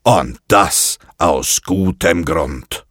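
A man voicing a deep, slow guardian spirit. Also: animated, fairly bright tone, dry recording, clean studio sound, exaggerated voice. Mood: solemn. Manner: slow, measured, commanding. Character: ancient island guardian spirit, deep and solemn. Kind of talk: storybook narration.

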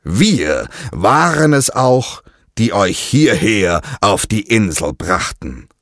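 A man voicing an ancient guardian spirit of an island, who speaks in a deep, slow and commanding way in a storybook. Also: sing-song, fairly bright tone, no echo, studio quality, full character voice. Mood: solemn. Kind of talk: storybook narration.

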